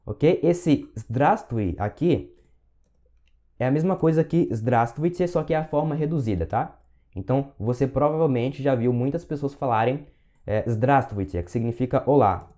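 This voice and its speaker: Dark-voiced Carioca man teaching patiently. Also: mid-range voice, expressive. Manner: patient, repeats words slowly for learners. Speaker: Russian teacher. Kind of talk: language lesson.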